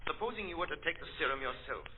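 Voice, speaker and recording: Guy doing a sly shadowy hero, calm and coaxing, tinny old 1930s radio play with faint hiss. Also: a little high, fast talker, natural voice. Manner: smooth, coaxing and manipulative. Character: shadowy, cunning crime-fighting hero man, calm and mocking. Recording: scratchy 1930s radio broadcast recording with hiss.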